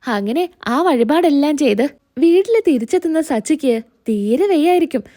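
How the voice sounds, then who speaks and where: A woman's voice: high voice, lively intonation, normal speed, mellow, no room sound, studio quality. A woman retelling a TV serial episode as a storyteller.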